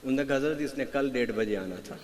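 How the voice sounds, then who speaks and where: A man giving a religious sermon, telling stories to a congregation and quizzing them, moving from hushed asides to loud raised passages. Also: mid-range voice, big-room sound. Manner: tells anecdotes, swings from hushed asides to loud raised delivery, quizzes the audience. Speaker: preacher. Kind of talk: Urdu religious sermon with storytelling.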